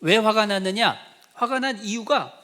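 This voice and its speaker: Male pastor, fairly high voice, preaching; animated storyteller voicing the characters' lines. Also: moderate pace. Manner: storytelling with acted quotes, rising to animated emphasis. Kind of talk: sermon.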